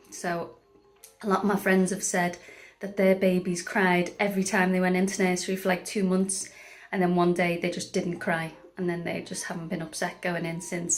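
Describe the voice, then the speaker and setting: Tired, chatty mum vlogger. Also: female voice, lowish voice. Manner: chatty and rambling, with frequent ums. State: tired and run down. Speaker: vlogger, stay-at-home mum. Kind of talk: casual vlog chat.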